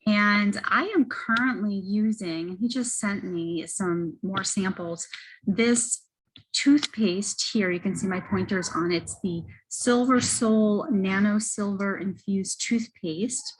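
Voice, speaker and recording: A woman giving a casual, halting product testimonial as a host, often correcting herself as she goes. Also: medium pitch, a little hiss or hum, rough recording. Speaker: host presenting wellness products. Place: library children's area. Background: children and banging in background.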